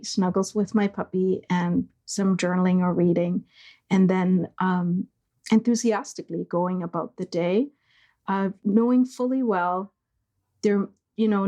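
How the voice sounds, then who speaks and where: A middle-aged woman originally from East Germany talks as an interview guest, slow and searching, with frequent fillers and pauses. Her tone is mellow and dark, with a gravelly fry, and her pitch stays flat and even. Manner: slow, hesitant, with many fillers. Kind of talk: reflective conversation.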